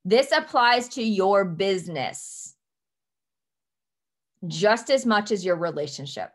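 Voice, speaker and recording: A woman's voice: mid-range voice, animated. Earnest young woman coaching her team. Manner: earnest, emphatic, slows down to stress key points. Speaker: team leader. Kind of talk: motivational coaching talk.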